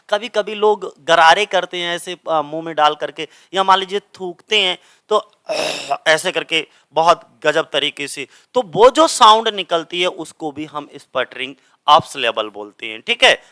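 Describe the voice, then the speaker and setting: A man's voice: high-pitched, bright, forceful tone, clear, resonant tone. A young adult man teaching English literature, explaining step by step and asking and answering his own questions. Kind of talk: classroom explanation of grammar.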